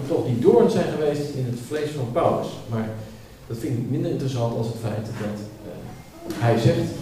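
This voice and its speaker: A man's voice: medium pitch, warm tone, a little hiss or hum. A man preaching a sermon, emphatic and given to repeating words as he builds a point. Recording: echoey hall, speaker far from mic.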